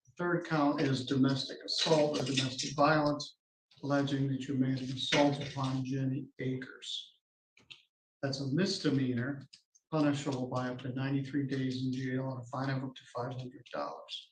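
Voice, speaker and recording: A man presiding over a hearing in a courtroom, reading charges in formal, measured legal language. His voice is wearing thin and the room echoes around him, with faint background noise. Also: medium pitch. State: losing his voice. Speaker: judge. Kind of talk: courtroom proceedings.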